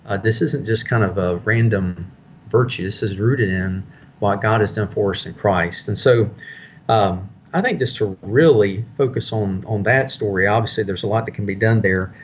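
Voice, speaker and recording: A man teaching a Bible study in a conversational way, explaining passages with frequent pauses and fillers. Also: on the low side, dull audio, a little hiss or hum.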